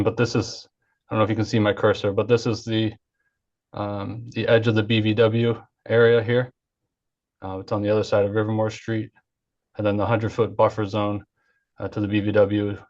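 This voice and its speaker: A man presenting an engineering project over an online video call, hesitant and full of fillers. His voice sits on the low side and stays flat. The call audio is dull and lo-fi. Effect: heard over an online video call. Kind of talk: formal project presentation at a public hearing.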